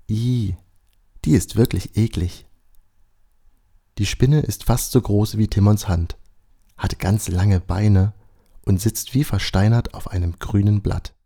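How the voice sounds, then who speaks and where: A man calmly narrating a scripted children's bedtime-style story. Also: on the low side.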